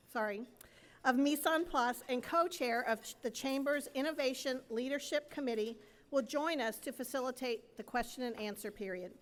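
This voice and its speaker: A woman with a high voice reads a formal introduction from a podium microphone. Her words ring out with a long reverb in the hall around her. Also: a bit bright. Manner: formal, scripted delivery. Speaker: event emcee. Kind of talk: reading an introduction. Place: event hall.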